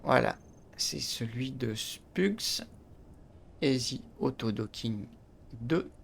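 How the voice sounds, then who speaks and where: Gaming channel host, male, talks a player through a game step by step, slow and gravelly. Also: medium pitch, lively intonation, a little hiss or hum. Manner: step-by-step explaining, frequent "hop" and restarts. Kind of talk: game tutorial commentary.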